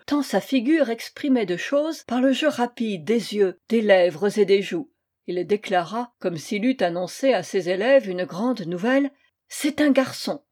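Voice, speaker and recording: A woman reading a classic short story aloud as an audiobook narration, measured and expressive. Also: medium pitch. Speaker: reader.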